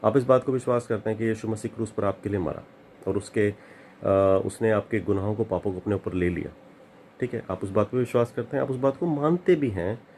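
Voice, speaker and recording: Low-voiced man preaching a sermon. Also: a little fast, darkish tone, slight background noise. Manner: earnest, repeats phrases, slips into English. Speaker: pastor.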